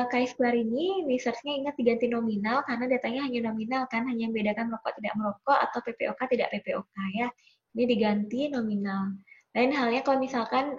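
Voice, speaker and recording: A woman lecturer patiently walking students through a statistics software tutorial, often checking in with them. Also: on the high side, highs cut off. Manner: patient, addresses listeners politely, frequent "ya" checks. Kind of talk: screen-recorded software tutorial.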